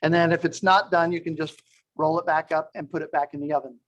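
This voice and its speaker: A man's voice: fairly high pitch, steady tone, fast talker, dull audio. A man teaching a live online cooking demonstration over a video call, explaining step by step while he works, his audio cutting in and out with uneven volume. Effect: audio cutting in and out, uneven volume over an unstable internet call. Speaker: cooking instructor.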